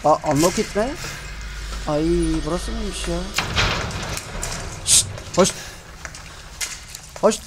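A man's voice: high voice, a little slow, long pauses. A man with a Turkish accent commenting casually on a horror game, jumpy and cursing under his breath at it. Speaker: gamer playing a horror game. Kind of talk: casual let's-play commentary. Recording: loud sizzling noise behind the voice.

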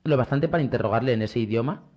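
A man voicing a commanding, shrewd middle-aged prince with a brisk, authoritative manner. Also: medium pitch, a little mellow, highs cut off, natural voice.

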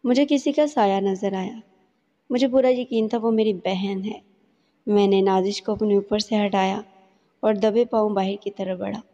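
A woman storyteller narrating a novel in a steady, even reading voice, and addressing her listeners as the channel host. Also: medium pitch. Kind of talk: scripted audio novel narration. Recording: dull lo-fi audio with long reverb.

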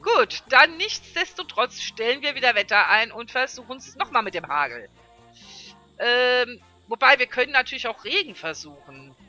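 A woman's voice: mid-range voice, bright, forceful tone. A woman giving casual gameplay commentary as a let's player, chatting to her viewers and laughing often.

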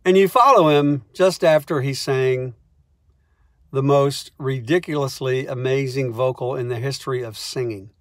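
A man who is a songwriter, telling comic stories in a wry, animated way and acting out the scenes. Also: medium pitch, moderate pace, no room sound, studio quality. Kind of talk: comic storytelling monologue.

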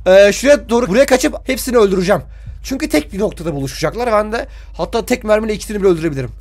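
A young streamer talks his viewers through a horror game at a rapid clip. His voice sits high and leaps all over the place, breaking into startled shouts and curses. Faint music plays behind him. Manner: excitable, yelps and shouts in fright, swears a lot. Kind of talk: horror game let's play commentary.

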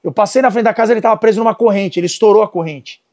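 A man's voice: high-pitched, very fast. A middle-aged Brazilian man, a dog trainer, telling stories and giving commands to dogs and helpers in a casual lesson. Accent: Brazilian Portuguese. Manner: animated storytelling, gives commands to dogs and helpers. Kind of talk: casual instructional talk.

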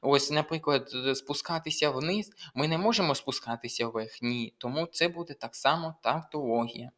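A man's voice: fairly high pitch, normal speed, fairly bright tone. A young man from Ukraine, a university student, tutoring language by reading test options aloud and explaining each answer step by step. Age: young adult. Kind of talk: test walkthrough lesson.

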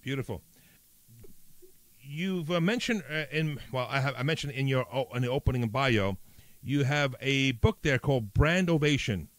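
A man from Italy with a New York accent hosting an interview, enthusiastic and halting, with many fillers. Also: mid-range voice, animated, dry recording. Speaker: podcast host. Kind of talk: interview conversation.

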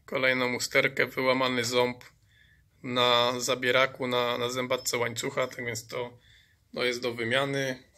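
A man's voice: mid-range voice, completely flat delivery, unhurried, sharp tone. A man restoring an old chainsaw on his workshop bench, explaining each fault as he goes, with many fillers and repeated words. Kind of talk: workshop repair commentary.

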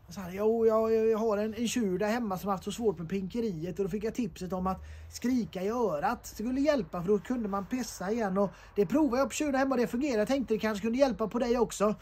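A man's voice: sits high, darkish tone, slightly rough. A man telling jokes in a loose, half-improvised way, with lots of "eh" fillers, recorded outdoors. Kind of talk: casual joke-telling chat.

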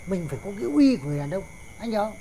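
A man's voice: high-pitched, big pitch swings, rapid-fire, warm tone, slight background noise. A man, playing a bossy older father-in-law who lectures in a slapstick sketch. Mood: lecturing.

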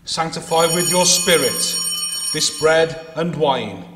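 A man leading Mass, intoning the prayers in a measured, solemn way, with a cathedral echo around him. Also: on the high side, over music. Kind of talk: liturgical prayer, partly sung. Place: large church. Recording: long echo of a large church.

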